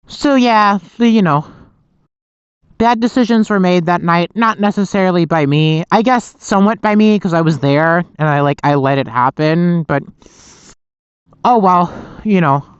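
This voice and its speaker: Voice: mid-range voice, measured pace, long pauses, smooth, no echo. A young adult motorcycle vlogger chatting casually and rambling from inside a helmet, with meandering, self-interrupting talk and mild swearing, slightly muffled on a close mic. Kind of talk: casual rambling vlog chat. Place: inside a helmet, outdoors at night.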